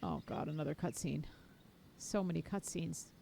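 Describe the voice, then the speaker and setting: A woman's voice: sits low, normal speed, gravelly, warm tone, a little hiss or hum. A woman streaming a game, giving casual, wry running commentary with sudden exclamations. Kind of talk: casual gameplay chat.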